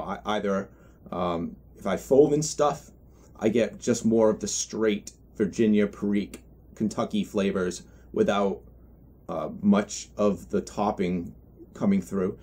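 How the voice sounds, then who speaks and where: A man giving an unscripted product review in a halting, reflective way, often correcting himself as he goes. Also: lowish voice, a little mellow, slightly rough. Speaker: pipe tobacco reviewer.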